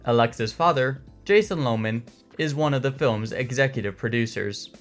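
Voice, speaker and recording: A man giving scripted documentary narration in an even, dry, analytical tone. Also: mid-range voice, normal speed, faint music behind.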